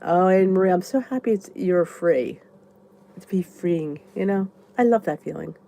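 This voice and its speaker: Her lowish voice is gravelly yet warm, moving at a moderate pace. A stuffy-nosed vlogger, she rambles chattily and thinks aloud as she responds to comments from viewers in a casual live chat.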